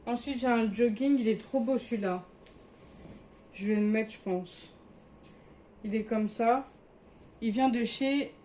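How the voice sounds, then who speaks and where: A woman's voice: a little high, warm tone, slight background noise. A young woman casually showing her clothes in a vlog, chatty and sometimes hesitant as she searches for words. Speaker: vlogger.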